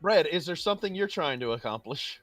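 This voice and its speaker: A bright, lively game master narrates a tabletop session casually, with big swings in pitch. The delivery is animated and often breaks into laughter, close and dry over faint music. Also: brisk, no echo. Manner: animated, laughing as they talk.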